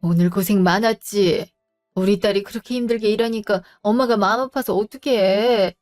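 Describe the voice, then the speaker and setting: A woman's voice: mid-range voice, normal speed, darkish tone, faint music behind, close to an everyday voice. A woman voicing a fond older mother who fusses tenderly over her grown daughter, in a storybook drama. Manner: fussing, tender.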